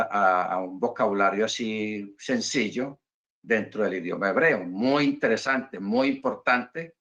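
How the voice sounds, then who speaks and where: A man's voice: medium pitch, sharp tone. A man teaching a class to his congregation over a video call. He explains patiently, repeats his points and checks in with his listeners. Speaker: Bible and Hebrew teacher.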